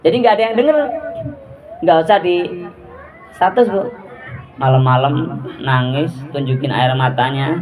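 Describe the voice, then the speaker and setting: Woman preacher, lowish voice, chatty and lively, audience murmuring behind. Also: normal speed, long pauses, a crowd in the background. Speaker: religious teacher. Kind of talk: religious study talk to women. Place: prayer gathering hall with audience.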